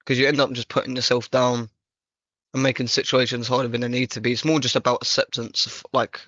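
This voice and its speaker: A man's voice: mid-range voice, little pitch movement, quick pace, sharp tone, no echo. A young man hosting a casual chat, talking earnestly and reflectively with casual slang. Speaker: podcast host. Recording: dull, dry lo-fi mic.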